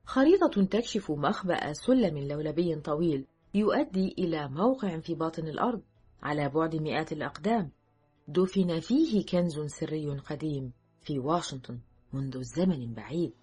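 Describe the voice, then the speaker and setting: A woman narrating an audiobook in a measured, steady storytelling manner. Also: low voice, slightly rough, faint music behind.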